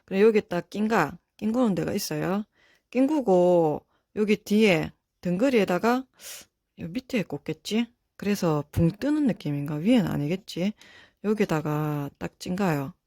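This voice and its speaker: A woman chatting as she unboxes toy figures. Her pitch leaps up and down as she exclaims and talks to herself. Wrapping crinkles behind her. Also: animated, a little slow, a little mellow, dry recording, studio quality. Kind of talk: casual unboxing chat.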